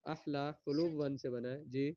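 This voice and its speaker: A man teaching an Arabic grammar lesson, reading each sentence slowly and then translating and explaining it. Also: medium pitch, fairly even intonation, no room sound, dull audio.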